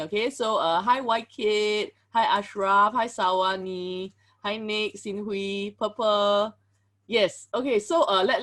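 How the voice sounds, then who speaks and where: A woman's voice: mid-range voice, a bit bright. A woman hosting a live webinar on a video call, chatting with viewers and reading their messages. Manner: chatty, filler-heavy, greets viewers and reads chat aloud. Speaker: webinar host.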